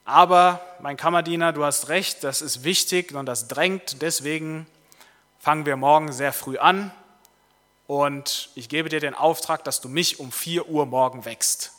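A man preaching plays a tired, commanding king who is quick to anger, in a telling of a story. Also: fairly high pitch, a bit bright. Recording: long reverb of a large hall.

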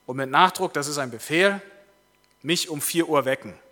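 A man preaching plays a tired, commanding king who is quick to anger, in a telling of a story. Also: mid-range voice, bright, forceful tone. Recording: long reverb of a large hall.

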